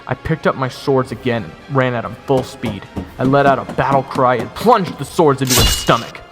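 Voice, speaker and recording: Here a man speaks at normal speed in a mid-range voice, delivering first-person dramatic scripted narration as the hero of a fantasy audio roleplay. The recording has long reverb and music under the voice.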